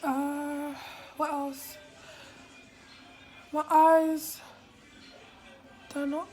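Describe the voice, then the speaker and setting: A woman vlogging from a hospital room after surgery, her voice hoarse and weak, often dropping to a whisper. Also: high-pitched, a little mellow. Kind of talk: casual vlog.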